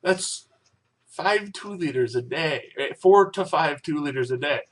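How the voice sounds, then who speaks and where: A man's voice: on the high side, expressive, measured pace, far from the mic. Joking podcast man, a little off-mic. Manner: joking, rambling, self-deprecating. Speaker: podcast co-host. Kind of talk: casual news chat.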